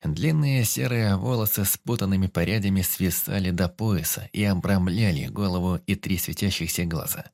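A man's voice: low-pitched, no echo, studio quality. A man narrating a first-person fantasy audiobook dramatically, voicing all the characters himself.

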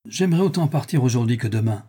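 Un homme lisant à voix haute prête sa voix à un forçat endurci et fanfaron, à la bravade sauvage. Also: male voice, medium pitch, expressive, fast, dark tone, slightly rough. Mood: boastful. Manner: swaggering, boastful. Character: boastful hardened male convict, savage bravado.

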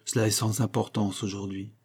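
A man reading the lines of a proud, quietly defiant young woman in a classic novel audiobook, his delivery subdued and clipped. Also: fairly low pitch, flat delivery, a little fast, breathy edge. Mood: guarded.

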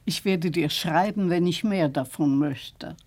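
A woman's voice: on the low side, a little slow, darkish tone. An actress in a German radio play playing a kindly, genteel old lady who speaks graciously and affectionately. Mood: fond.

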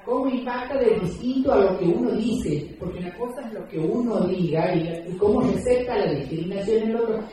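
A woman's voice: medium pitch, brisk, few pauses, mellow. Woman giving a talk, earnest and emphatic, big echoey room. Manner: earnest, emphatic, explains with examples and rhetorical questions. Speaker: speaker at a talk. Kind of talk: public talk to an audience. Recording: echoey room, distant mic.

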